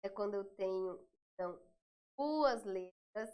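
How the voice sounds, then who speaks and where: A woman's voice: medium pitch, lively intonation, measured pace, a little mellow, clean tone. A Brazilian woman teaching a Portuguese exam review, explaining patiently and checking in often with her students.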